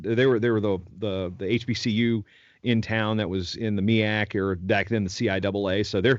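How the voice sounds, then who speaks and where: A man's voice: fairly low pitch, dry recording. A middle-aged man from Virginia, chatting in an interview and telling long rambling stories with many restarts. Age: 40s. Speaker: podcast guest. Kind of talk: casual conversational interview. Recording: dull lo-fi audio, dry sound.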